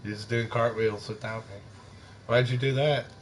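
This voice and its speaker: A man's voice: mid-range voice, steady tone, normal speed, a little hiss or hum, low-quality recording. A man streaming a game at home, chatting and teasing his family in a joking way. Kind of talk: casual family chat on a live stream.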